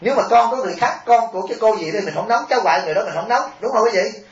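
High-voiced man preaching in a roomy hall. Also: rapid-fire. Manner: lively, addresses listeners directly with rhetorical questions. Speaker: Buddhist monk giving a dharma talk. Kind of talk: storytelling sermon. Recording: roomy, dull lo-fi recording with faint hiss.

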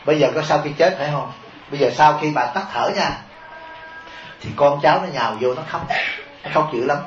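A man's voice: a little high, a little fast, slight background noise. A man, a Buddhist monk giving a humorous sermon, often chuckling and asking his listeners rhetorical questions. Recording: echoey, dull taped sermon recording.

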